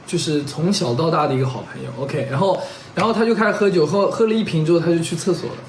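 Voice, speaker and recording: A man's voice: on the high side, quick pace, slight background noise. A young man telling a story in a casual, rambling way, stringing clauses together and checking in with his listeners. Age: young adult. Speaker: vlogger telling a couple story. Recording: roomy echo.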